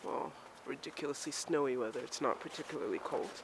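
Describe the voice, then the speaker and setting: A woman's voice: extremely low pitch, fast talker, creaky, heavy background noise. A woman from Maryland chatting casually to her camera while walking outdoors, rambling and self-mocking, a little out of breath. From Maryland, USA. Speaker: vlogger. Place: outdoors on a snowy street. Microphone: handheld camera while walking.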